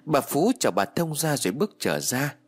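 A man narrating a dramatic story, voicing each character with shifting pitch. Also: sing-song, a little fast. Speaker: audiobook narrator.

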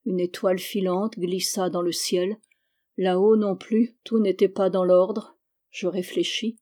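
A woman reading a novel aloud in a measured, descriptive narration. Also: on the low side, level tone, dark tone. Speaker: audiobook reader. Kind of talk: literary narration.

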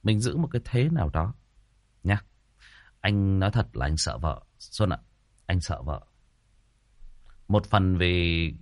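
A man's voice: on the low side, dry recording. A man telling a first-person story in a chatty, repetitive way, speaking straight to his listeners.

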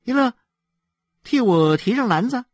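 Man putting on a chatty, high-pitched storybook mother. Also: very animated, unhurried, no echo, studio quality, full character voice. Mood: exasperated. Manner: gossipy, then exasperated. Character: chatty 30-year-old mother, scolding.

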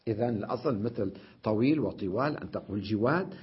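A man's voice: on the low side, expressive, fast talker, slightly rough, highs cut off. A man teaching an Arabic grammar lesson, explaining step by step, repeating words and checking with his students.

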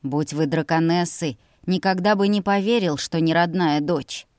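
A courteous house steward, soft-spoken and a little too smooth, with his voice pitched lower than the narration, as a woman reads him. He talks politely and deferentially, sometimes quickly. The sound is close and dry. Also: no echo, lightly acted. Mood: probing. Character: warm, courteous older male house steward. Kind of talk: audiobook character voice.

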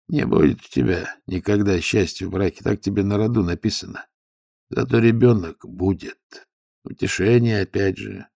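A man voicing a gruff, sharp-tongued monastery stoker who scolds and mocks. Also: on the low side, fairly even intonation, normal speed, no room sound, studio quality. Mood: stern. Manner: rough, scolding, mocking.

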